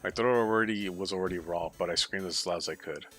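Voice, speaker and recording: A man's voice: low voice, fast talker, fairly bright tone, soft background music. A man streaming, reading a visual novel aloud, with casual, swearing reactions to the chat.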